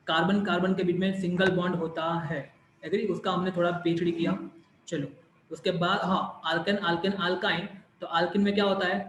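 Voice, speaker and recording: A man's voice: high voice, roomy sound, dull audio, a little hiss or hum. A man teaching a chemistry class online, repeating questions and answering them himself, with bits of English mixed in.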